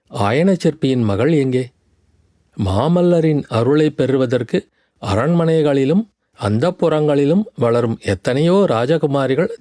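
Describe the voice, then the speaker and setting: A man's voice: mid-range voice, mellow, dry recording, clean studio sound, natural voice. A man voicing a proud, wounded young dancer woman. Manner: reproachful, speaks through a pet deer.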